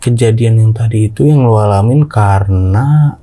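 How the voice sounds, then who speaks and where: A woman's voice: a bass voice, normal speed, warm tone. A woman hosting a casual interview, reacting briefly and asking short follow-up questions. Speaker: host.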